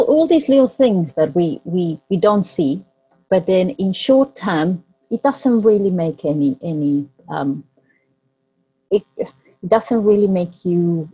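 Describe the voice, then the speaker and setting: On a panel, a woman from Ecuador speaks English in a low, husky, warm voice, groping for words and repeating herself as she goes. The sound is dull and muffled.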